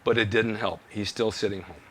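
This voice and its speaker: Fast-talking older male fitness host. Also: fairly low pitch, steady tone. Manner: folksy storytelling, motivational. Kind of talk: casual chat.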